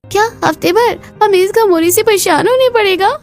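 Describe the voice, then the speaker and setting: A woman's voice: very high-pitched, moderate pace, soft background music, voice pushed up. A woman voicing small children in a cartoon story, whining and pleading. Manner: whiny, pleading.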